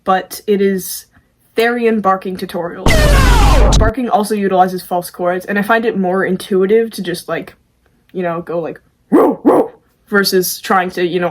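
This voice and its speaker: A woman's voice: fairly low pitch, background noise. A woman presenting a tutorial casually, with an informal, self-deprecating way of talking. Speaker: amateur vocalist presenting a tutorial.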